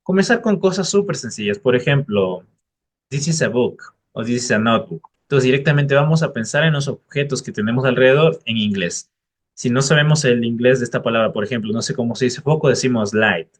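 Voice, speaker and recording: A man's voice: mid-range voice, a little fast. Man giving upbeat language-learning tips. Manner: direct, encouraging advice to the viewer. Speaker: English tutor. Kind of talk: casual explainer video.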